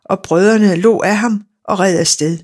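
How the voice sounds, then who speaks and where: A narrator reading a fairy tale aloud in a steady, measured storytelling manner. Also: mid-range voice.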